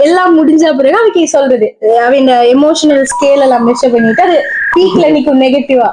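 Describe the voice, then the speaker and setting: A woman's voice: high voice, fairly quick, noisy background. A woman telling a story in casual chat as a podcast co-host, laughing often.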